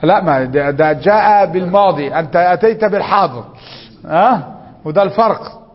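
A man's voice: sits high, animated, normal speed, long reverb tail, lo-fi sound. A man with an Egyptian accent teaching a grammar lesson, prompting students with questions and reading rules aloud. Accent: Egyptian Arabic.

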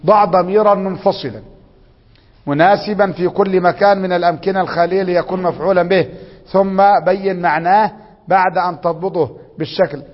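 A man's voice: sits high, steady tone, brisk, long reverb tail, dull audio. A man with an Egyptian accent teaching a grammar lesson, prompting students with questions and reading rules aloud. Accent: Egyptian Arabic.

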